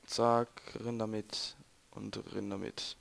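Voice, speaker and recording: Slow and lowish with vocal fry and little pitch movement, this young man speaks with a German accent as a let's-play gamer. He chats and jokes with viewers over his game in casual commentary, recorded at home with plenty of noise.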